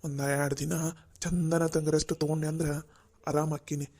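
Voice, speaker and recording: An injured old farmer. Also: female voice, low-pitched, level tone, brisk, a little mellow, husky. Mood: mild. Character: injured older village farmer, patient and mild.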